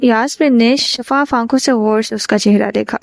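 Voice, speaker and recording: A woman reads a novel aloud in a steady, even storytelling manner. Her voice sits fairly high, and the sound is dry and close to the mic. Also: creaky, no room sound. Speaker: audiobook narrator.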